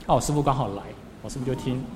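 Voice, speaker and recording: Racing along at medium pitch, a male Buddhist monk acts out scenes in a storytelling sermon, his voice leaping up and falling abruptly. Long hall reverb and faint background noise fill the recording.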